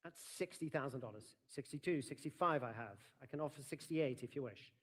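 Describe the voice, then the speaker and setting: A man's voice: medium pitch, brisk. A man working as an auctioneer, formally and courteously announcing lots and calling out bids at a live sale.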